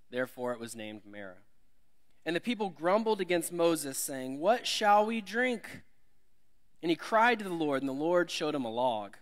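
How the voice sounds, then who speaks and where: Speaking from a church sanctuary, this Alabama man is a guest preacher giving a sermon. His voice sits a little high with some brightness, his tone friendly and modest at his own expense, and it climbs when scripture is read.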